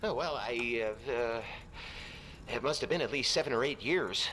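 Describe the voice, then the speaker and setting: An actor playing a lonely, timid man in a video game, hesitant and halting. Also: medium pitch, pushed and bright, slight background noise, lightly acted. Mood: meek, uneasy. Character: lonely, timid, sweating male apartment tenant.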